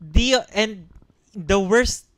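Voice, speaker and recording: A man's voice: high-pitched, lively intonation, very slow, a bit bright, no room sound. A man co-hosting a casual gaming podcast, thinking aloud with frequent restarts and ums. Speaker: podcast co-host. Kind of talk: casual chat.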